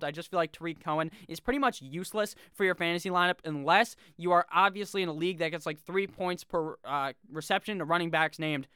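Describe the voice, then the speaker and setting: A man's voice: high voice, bright, forceful tone, clear, resonant tone, no room sound, clean studio sound. A young man hosting a casual solo video, talking brashly with profane jokes and asides. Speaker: fantasy football video host.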